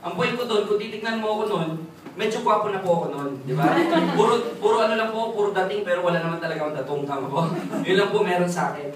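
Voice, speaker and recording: A man's voice: sits high, fast. A man in his twenties giving a jokey motivational testimony to a seminar audience, often asking them "right?". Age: 20s. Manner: jokey storytelling, keeps asking the crowd "right?". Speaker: testimonial speaker at a business seminar. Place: large echoey seminar hall with audience. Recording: very echoey hall, far off, noisy.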